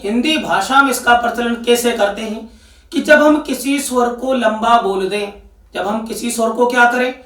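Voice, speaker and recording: A man's voice: very high voice, fairly bright tone. A man teaching an exam-prep Hindi grammar lesson with a Rajasthani Hindi accent. He keeps asking questions and answering them himself. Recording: echoey room, voice picked up from a distance.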